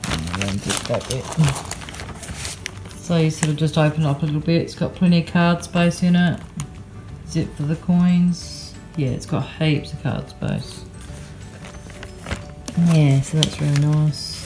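Low-voiced chatty Australian woman. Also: measured pace, pauses often, over music. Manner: chatty, rambling, lots of ums and yeahs. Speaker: vlogger. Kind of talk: casual haul chat. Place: in a car at night.

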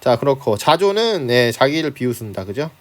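A man teaching high school literature in a relaxed, conversational manner. His pitch moves widely as he explains, and he keeps prompting his students with short tag questions. He lectures from his home. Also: normal speed. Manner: starts phrases with a prompting filler, chuckles now and then. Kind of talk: online lecture on a class handout.

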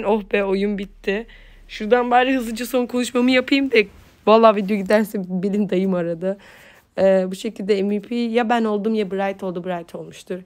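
A woman's voice: medium pitch, smooth. A woman giving playful, casual commentary while playing a mobile game, just woken up and chanting words over and over. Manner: playful, chatty, repeats words in quick chants.

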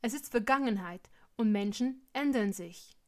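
A woman reading a story aloud, giving a calm, reasonable man's lines in her own voice. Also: on the high side, unhurried, lightly acted. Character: grown man, calm and reasonable.

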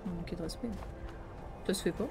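A woman streaming a game, chatting excitably to her viewers and laughing often. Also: on the low side, quick pace. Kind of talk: let's play commentary. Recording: game music playing behind.

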